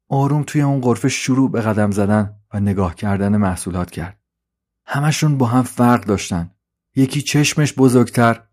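Calm male storyteller. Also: on the low side. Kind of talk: scripted narration.

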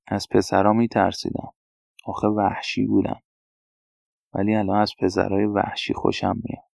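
Brief: a man playing a soft young man raised by women, confessional, gravelly low tone. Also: monotone, dry recording. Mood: confiding. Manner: quiet, confessional recounting. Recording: dull, dry lo-fi recording.

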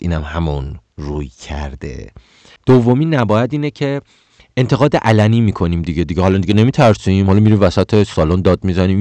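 Man, very low voice, dry close sound, casual advice talk, heated, stammering, jumps up in pitch when annoyed. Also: dark tone, dry recording. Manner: heated, exclaims and rises in pitch when indignant; many stammers and self-corrections. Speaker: speaker giving career advice.

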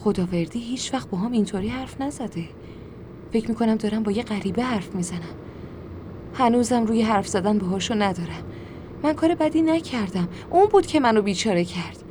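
A woman's voice: on the high side, expressive, dark tone, a little hiss or hum. A woman narrating a dramatic first-person story in an emotional voice. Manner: emotional, shifts to screaming anger in dialogue. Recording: music behind.

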